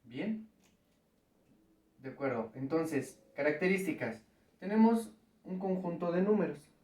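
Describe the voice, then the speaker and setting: A man's voice: fairly high pitch, lively intonation, unhurried, a little mellow, far from the mic. A man teaching a recorded math lesson at the board, patiently explaining step by step and checking in with the students. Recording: echoey room, voice from off-mic.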